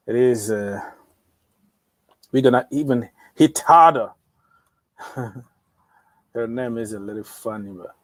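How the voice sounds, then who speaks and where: A man's voice: medium pitch, no echo. A young man hosting a casual football livestream, joking around and talking straight to his viewers. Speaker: livestream host of a football channel.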